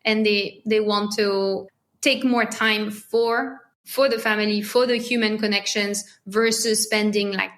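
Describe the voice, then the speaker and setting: With a mid-range, fairly bright voice, a thirtysomething woman from France speaks casually as a podcast guest in her French accent. She's reflective in this interview conversation and tends to restart what she's saying.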